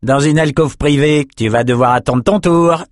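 A man's voice: a little high, moderate pace, no echo, clean studio sound, voice pushed up, close to an everyday voice. A man voicing a sneering Norukai slaver. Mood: taunting. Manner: sneering, coarse. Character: brutish male Norukai slaver, crude and mocking.

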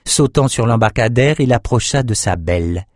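A man narrating an audiobook in a steady, measured reading on a close mic. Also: mid-range voice, dry recording. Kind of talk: scripted narration.

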